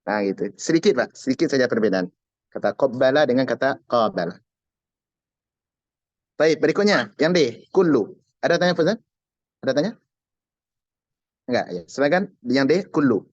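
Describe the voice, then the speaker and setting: A man's voice: mid-range voice, lively intonation, normal speed, long pauses, dry recording, lo-fi sound. A man teaching an Arabic grammar class online, explaining patiently and repeating key words step by step.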